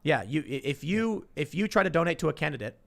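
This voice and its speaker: A man hosting a live talk show, briskly reading viewer messages aloud and responding. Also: fairly high pitch, big pitch swings, gravelly, a bit bright. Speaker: host.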